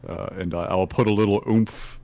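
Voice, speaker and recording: A man's voice: lowish voice, steady tone, moderate pace, mellow. A man chatting casually at a game table as a player describing his moves.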